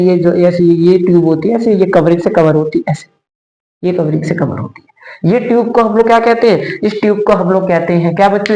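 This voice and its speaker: A young man with a high voice teaches biology in an echoey room. He talks to his students in a coaxing way, repeats each term several times, and answers his own questions. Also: mellow. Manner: repetitive, coaxing, asks questions and answers them himself. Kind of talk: explanatory lesson for exam students.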